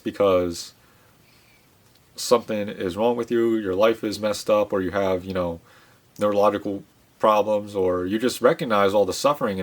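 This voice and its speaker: A man giving a casual monologue to his audience, speaking in a subdued, reflective way with many pauses, fillers and restarts. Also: lowish voice. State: subdued, low-spirited. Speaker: channel host.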